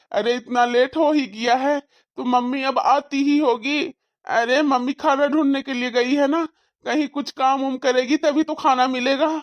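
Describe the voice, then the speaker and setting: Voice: high voice, lightly acted. A despairing crippled father, voiced by an actor. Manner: lamenting, mournful. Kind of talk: cartoon story voice acting. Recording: dull, muffled lo-fi sound.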